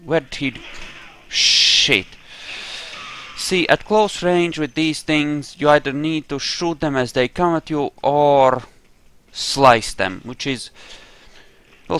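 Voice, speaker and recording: A gamer narrates a roleplaying game playthrough in a slightly high, bright, clear, and resonant voice at a slow pace. His commentary is casual and rambling as he thinks aloud, laced with dry, wry sarcasm.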